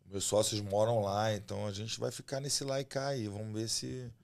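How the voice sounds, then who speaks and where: Speaking at a moderate pace in a fairly low, creaky voice, a Rio-born chef and restaurateur talks casually with a podcast interviewer. His Carioca Brazilian Portuguese accent comes through as he chats freely, frequently tacking a tag question onto his sentences.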